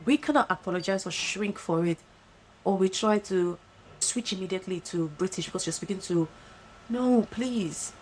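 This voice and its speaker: Woman host, Nigerian accent, animated and emphatic casual monologue. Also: mid-range voice, moderate pace, a little hiss or hum. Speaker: podcast host.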